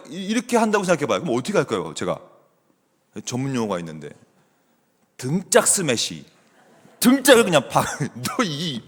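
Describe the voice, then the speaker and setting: Animated middle-aged man preaching. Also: high voice. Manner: animated storytelling, chatty with the congregation. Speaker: guest preacher, theology professor. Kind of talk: sermon. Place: church sanctuary. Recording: long church hall reverb.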